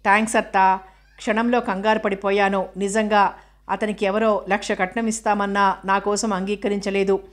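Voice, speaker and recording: A woman reads out an eager, proud young woman speaking up for her fiancé in a spoken novel. The voice stays on a flat, even line with little rise and fall. The pitch sits at a middling height. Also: moderate pace, lightly acted.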